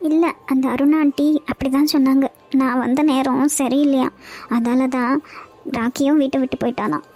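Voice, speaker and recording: A woman's voice: high voice, steady tone, normal speed, darkish tone, faint music behind, pitched below the performer's own voice. A woman voicing a tender, insecure young wife in a cartoon, speaking in a plaintive, pleading way.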